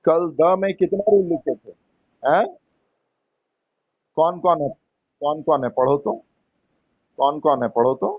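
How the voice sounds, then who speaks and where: A man with an Indian accent teaching English grammar in a classroom, slowly coaxing students to answer and explaining rules in Hindi mixed with English terms. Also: on the high side, muffled recording. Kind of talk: classroom lesson.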